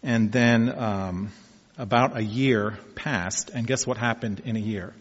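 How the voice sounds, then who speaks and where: A man in his fifties, an amateur marathon runner, tells in a casual vlog how he took up running, sounding folksy and reflective. His voice is on the low side, steady and measured, in a dull, echoey room.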